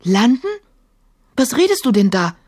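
A woman voicing a bold, easily startled eight-year-old girl who bursts out in sharp, indignant exclamations. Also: on the high side, very animated, moderate pace, pitched above the performer's own voice.

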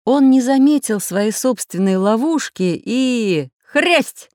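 A woman reading a children's adventure story aloud with expressive storytelling. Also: a little high, slow, dry recording, clean studio sound. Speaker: narrator. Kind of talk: children's audiobook narration.

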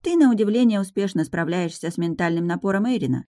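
A woman's voice: mid-range voice, lively intonation, fast, warm tone, no echo, natural voice. A woman voicing a small sardonic male dragon familiar who teases and lectures. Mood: lecturing. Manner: teasing, dry, lecturing. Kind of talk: audiobook narration.

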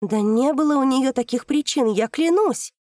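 A woman reading an audiobook, voicing a desperate young woman who pleads in high, loud outbursts. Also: takes it slowly, no echo, studio quality.

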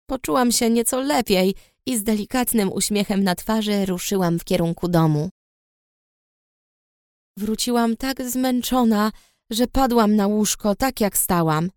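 A woman's voice: medium pitch, unhurried, a little mellow, no room sound, clean studio sound. Woman narrating a story in first person. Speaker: audiobook narrator.

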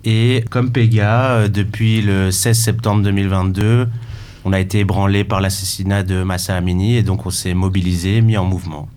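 A man, a guest activist, introducing himself calmly and in a measured way on a radio show. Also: deep voice, a little hiss or hum. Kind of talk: radio interview. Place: radio studio.

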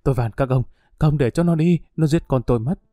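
A man's voice: medium pitch, brisk, warm tone, dry recording, studio quality, lightly acted. A man doing a pleading desperate mother. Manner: pleading, tearful. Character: desperate young mother begging for her child.

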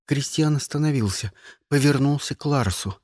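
An expressive audiobook reader narrating a first-person story. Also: mid-range voice, normal speed, no room sound, studio quality. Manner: lively, expressive reading.

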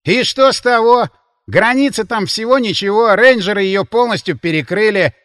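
A man voicing a loud, sarcastic male drinking companion who lectures his friends. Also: sits high, moderate pace, dry recording, clean studio sound, voice pushed up. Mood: sarcastic lecturing. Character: brash loud male bar companion, mocking.

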